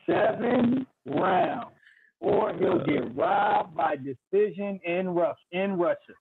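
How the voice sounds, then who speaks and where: A man calling in over a crackly, staticky phone line, talking in an animated, playful, trash-talking way. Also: sits high, slow, gravelly, breathy edge. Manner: animated, loud and playful, vivid street storytelling. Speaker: guest predicting a boxing fight. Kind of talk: casual trash-talking chat. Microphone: cheap phone.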